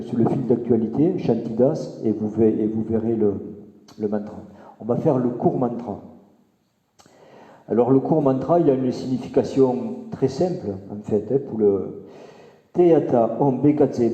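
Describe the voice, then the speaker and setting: A man teaching Buddhist meditation and explaining a healing mantra, gently, with frequent restarts and repetitions. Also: mid-range voice. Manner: gentle, repeats himself, many restarts. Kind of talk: spoken teaching with mantra recitation. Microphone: microphone. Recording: roomy, long reverb, dull sound.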